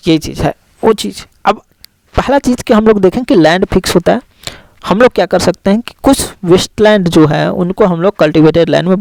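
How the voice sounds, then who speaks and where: High-pitched gravelly male teacher. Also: darkish tone, no echo. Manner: explains step by step, repeats key terms, many fillers and ठीक है. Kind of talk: classroom lecture.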